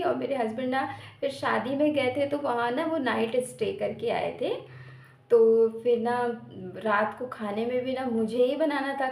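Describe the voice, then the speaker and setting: A woman's voice: a little high, creaky, darkish tone. A woman vlogger casually telling her viewers a personal story in a chatty way, sprinkling in short filler words. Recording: roomy echo.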